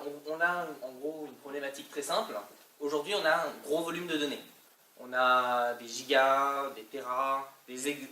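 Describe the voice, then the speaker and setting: French man presenting, bright voice, echoey room. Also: medium pitch. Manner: colloquial, hesitant delivery with French-accented English terms. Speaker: conference speaker. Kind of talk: informal technical presentation. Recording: echoey distant mic, faint noise.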